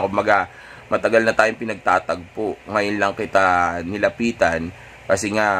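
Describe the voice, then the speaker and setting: A man with a Filipino accent, a dating coach, talking through tips in a casual, conversational way, often checking in with "okay?" and pausing on fillers. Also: fairly low pitch, a bit bright, a little hiss or hum. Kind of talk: casual instructional talk.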